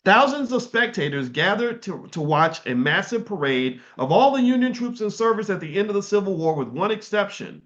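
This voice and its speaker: In a high, sing-song voice that's a bit bright, a middle-aged man reads history book passages at a moderate pace with hardly any pauses, stopping to comment casually. The sound is dull and slightly lo-fi.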